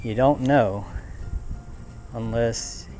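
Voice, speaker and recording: A young man with a drawl chats casually while fishing from a boat outdoors, pausing on lots of ums and uhs as he thinks aloud. His voice sits at an ordinary middle pitch and is caught by an action camera mounted on the boat, with faint music underneath. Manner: relaxed, thinking aloud with many fillers. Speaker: fishing vlogger. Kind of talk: casual on-the-water commentary.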